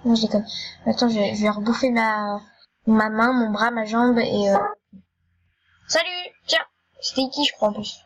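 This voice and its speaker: A woman with a high voice chats her way through an online game, excitable and quick to repeat herself. Her casual commentary tumbles out with stammers and restarts. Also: dull audio. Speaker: gaming YouTuber.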